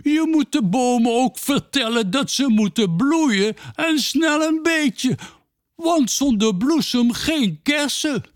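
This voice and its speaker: A man voicing a gentle giant male scarecrow in a storybook, high and pleading. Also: animated, slow pace, dry recording, exaggerated voice. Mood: anxious.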